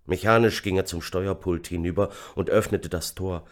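A man with a very deep, low voice reads an audiobook. His telling is measured and somber, steady through the narration. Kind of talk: scripted narration.

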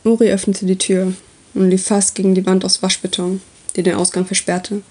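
A woman reading a story aloud as its narrator, with steady, even delivery. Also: mid-range voice, moderate pace, breathy edge.

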